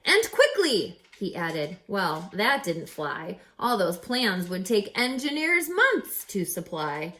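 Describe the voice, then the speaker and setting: With a lowish, sharp-toned, very animated voice, a woman reads a children's story aloud as a teacher. She goes slowly with hardly any pauses, dramatic and emphatic, asking her listeners rhetorical questions among teacherly asides.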